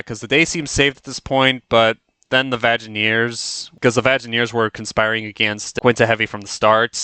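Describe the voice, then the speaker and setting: A man's voice: medium pitch, bright, forceful tone, smooth, no room sound. A man giving casual, offhand, rambling commentary as a video creator looking back on his own work.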